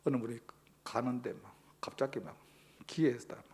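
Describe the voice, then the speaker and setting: A man's voice: medium pitch, moderate pace, a little mellow, husky. A male pastor, preaching a sermon emphatically and posing rhetorical questions to the congregation.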